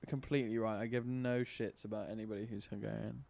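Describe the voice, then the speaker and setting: A man's voice: on the low side, little pitch movement, fast talker, vocal fry, darkish tone, dry recording. Well-spoken English man in his late 20s. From England. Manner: well-spoken, laughs easily, crude banter. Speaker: podcast guest. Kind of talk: casual chat.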